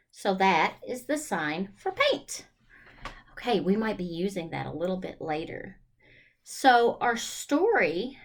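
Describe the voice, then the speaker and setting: Hosting storytime for little kids, this mid-range-voiced woman speaks in an exaggerated, encouraging manner aimed at children, pausing and asking questions as she goes.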